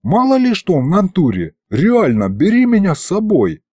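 A cocky pig-snouted imp with street slang drawls his lines, as a man puts him on. His voice sits high and bounces around, recorded close and dry. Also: huge pitch swings, normal speed, dark tone, slightly rough, dry recording, exaggerated voice. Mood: pleading.

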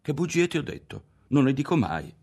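A man reading aloud, voicing a nervous boy who talks in a bright, hurried and defensive way. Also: medium pitch, big pitch swings, husky, pitched above the performer's own voice. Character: boy, nervous and quick to invent lies.

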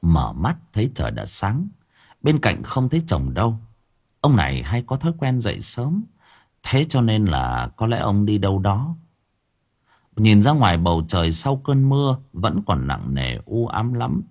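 Male audiobook narrator for a ghost story, low husky voice, very animated intonation. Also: a little slow. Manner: expressive storytelling reading. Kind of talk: dramatic horror story narration.

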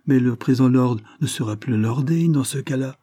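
A man's voice: medium pitch, normal speed, warm tone, no echo, pitched above the performer's own voice, close to an everyday voice. A man voicing an old, loyal male estate steward who talks in an agitated, pleading way. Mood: fretful.

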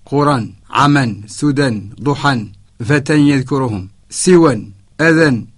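A man teaching Quran spelling rules in a radio lesson, slow and deliberate, repeating each example word and reciting verses in a chanting cadence. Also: on the high side. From Mauritania. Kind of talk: radio lesson, explaining a didactic poem. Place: radio studio.

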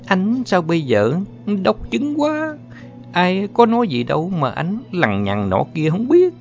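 A man doing a young woman with a raised, lively voice, coaxing and scolding a man she is fond of. She sounds like a storybook figure. The recording is slightly muffled, with faint music underneath. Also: sits high, unhurried, gravelly, voice pushed up, full character voice. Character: young woman, teasing and affectionate.

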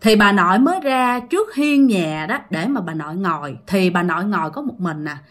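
A woman's voice: medium pitch, animated, fairly quick. A woman with a Southern Vietnamese accent telling a ghost story in a chatty way, often speaking straight to her listeners. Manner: chatty, addresses listeners directly.

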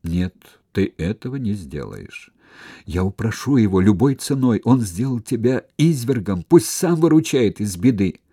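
A rough, scarred Roman centurion speaks in a heavy, grim, deep voice, as a male narrator plays him. The tone is dark and husky, and the recording is dry and close. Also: sing-song, unhurried, heavily acted.

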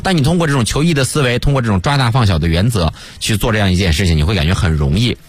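A man, an English teacher, chatting as a guest on a radio talk show and telling lively stories. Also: on the low side, very fast, husky, no echo. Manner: lively storyteller, mimics English accents. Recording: dry studio radio mic.

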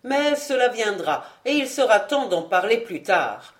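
A woman voicing a scheming nobleman father, with gruff, sarcastic speech and booming outbursts. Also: sing-song, measured pace. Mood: jovial. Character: scheming middle-aged nobleman father, blustering.

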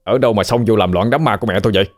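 A man's voice: on the low side, rapid-fire, natural voice. A man voicing an indignant son confronting intruders. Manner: indignant demanding. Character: indignant eldest son at his mother's funeral.

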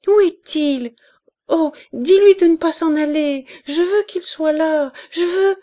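A woman reading an audiobook voices a feverish, frightened little girl who pleads breathlessly and sometimes cries, in a high, strained voice. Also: slow, vocal fry, a little mellow. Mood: panicked sobbing.

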